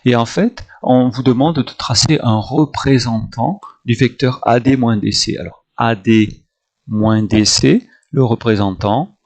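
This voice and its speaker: A male math teacher talks his students through a homework correction, counting grid squares out loud and pausing to move each step along. His voice has a gravelly, creaky edge and sits at an ordinary middle pitch.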